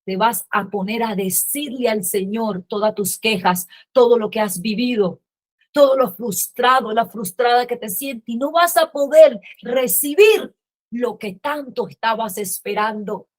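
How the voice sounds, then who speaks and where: Woman pastor preaching, high voice, slow and drawn out, gets fiery. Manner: impassioned preaching, rising to shouts. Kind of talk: sermon.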